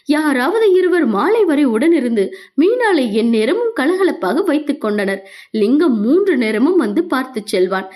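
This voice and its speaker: A woman narrating a romance audio novel with expressive, emotional storytelling. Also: on the high side.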